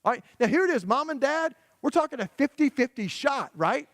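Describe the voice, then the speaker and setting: A man's voice: very high voice, expressive, fairly quick, no echo, studio quality. A middle-aged man preaching a conversational, storytelling sermon to a church congregation, emphatic and full of rhetorical questions to parents. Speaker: guest preacher. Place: church sanctuary.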